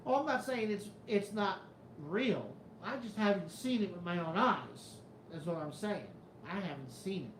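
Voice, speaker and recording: A man with a high voice and lively intonation hosts a casual live chat at a moderate pace, in an echoey room with slight background noise. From the New York area, he has a New York Italian-American accent that comes and goes, and he reads the chat while rambling, skeptical, and swearing freely.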